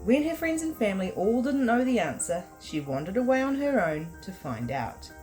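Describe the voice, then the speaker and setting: Woman, New Zealand accent, storytime reader for toddlers; lively melody, faint music bed. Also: fairly high pitch, normal speed, poor audio. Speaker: children's librarian. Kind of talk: storytime read-aloud.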